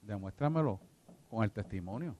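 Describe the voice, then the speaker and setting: A man's voice: fairly low pitch, animated, normal speed, darkish tone, highs cut off. A man teaching a church discipleship class, emphatic and repetitive, often asking if his listeners follow him. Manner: emphatic, repeats himself, asks listeners if they follow.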